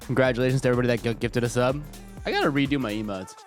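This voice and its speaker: Talking very fast at a medium pitch, a slightly stuffy, congested man chats and cracks jokes on a casual livestream, swearing a lot. He's using a desk mic, and faint music plays behind him.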